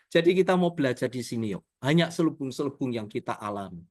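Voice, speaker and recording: A male preacher giving a lively sermon over a video call. He jokes, laughs often and acts out voices in his readings. He keeps turning to address his listeners directly. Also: mid-range voice, fast. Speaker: evangelist preacher.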